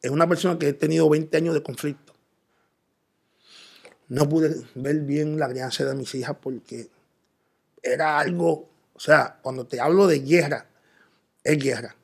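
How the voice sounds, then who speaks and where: Man, gravelly, slightly high, earnest testimony. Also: steady tone, unhurried, long pauses. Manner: earnest storytelling, quoting himself in dialogue. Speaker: interview guest. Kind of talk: personal testimony in interview.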